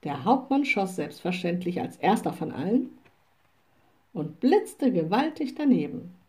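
A woman reading a children's storybook aloud in a calm, clear way. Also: mid-range voice, unhurried. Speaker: narrator.

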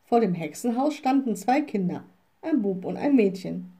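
A woman reading a children's story aloud in a slow, expressive storybook manner. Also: on the high side.

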